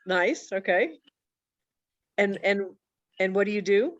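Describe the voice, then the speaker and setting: A woman's voice: medium pitch, lively intonation, takes it slowly, no echo. A woman hosting a team video call, welcoming newcomers in an affirming way. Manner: warm, encouraging and affirming. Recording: dull video call audio.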